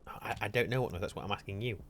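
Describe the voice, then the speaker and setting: A man with a very deep voice talks casually over a co-op game, unhurried and dryly teasing. There is a faint noise floor under his voice. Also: a bit bright. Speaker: gaming channel host. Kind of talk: casual co-op gameplay chat.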